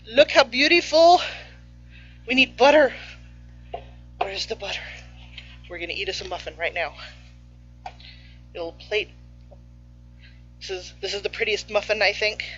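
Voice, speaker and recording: Playful woman host, chatty kitchen banter, bright voice, slightly dull recording with faint music. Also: medium pitch. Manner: chatty and playful, talks with her mouth full. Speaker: baking show host. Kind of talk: casual cooking stream. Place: home kitchen.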